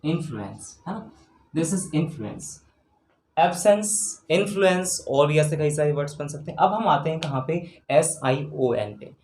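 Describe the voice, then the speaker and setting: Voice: medium pitch, lively intonation, a little slow, darkish tone. A grammar teacher giving an exam-prep lecture, spelling out words letter by letter and often checking in with the class. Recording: roomy room with faint background noise.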